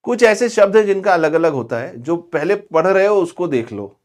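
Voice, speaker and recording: A man teaching English grammar in a chatty, scolding classroom lecture. He drags out example words slowly. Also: high voice, expressive, darkish tone. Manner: chatty and scolding, calls students "bhai" and "pagle".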